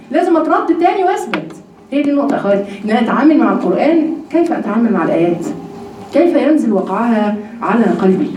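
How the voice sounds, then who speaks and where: Animated Egyptian woman teaching in an echoey room. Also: sits high, far from the mic, slight background noise. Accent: Egyptian Arabic. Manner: animated, asks rhetorical questions. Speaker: religious teacher. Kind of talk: Egyptian colloquial religious lesson.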